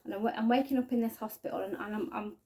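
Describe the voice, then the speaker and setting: Halting woman with a mellow voice. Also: a little high, fairly even intonation. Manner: halting, earnest, often trailing off quietly. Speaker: spiking victim sharing her story. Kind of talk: personal testimony to camera.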